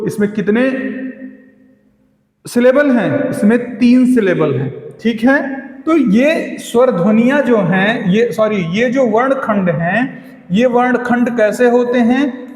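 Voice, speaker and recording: A man teaching an exam-prep lesson, often asking questions and answering them himself, and repeating example words slowly. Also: high-pitched. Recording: echoey room with long reverb.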